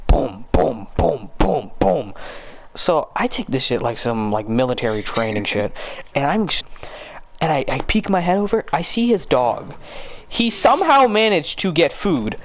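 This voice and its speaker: A young man co-hosting a casual chat, joking and rambling as he tells a story. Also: a little high. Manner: joking, rambling, self-correcting. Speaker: podcast co-host.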